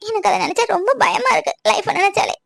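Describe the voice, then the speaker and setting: A woman's voice: extremely high pitch, fast, vocal fry, fairly bright tone, no room sound, heavily acted. A young woman voicing a lonely, tearful girlfriend who complains and pleads with her boyfriend.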